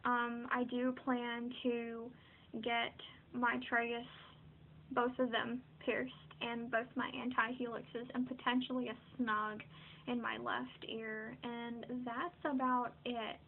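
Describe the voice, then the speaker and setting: Casual young female vlogger, slightly high voice, hesitant and rambling, narrow phone-like sound. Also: little pitch movement, slow pace, gravelly. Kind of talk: casual chat to camera. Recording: muffled, phone-like narrow-band audio.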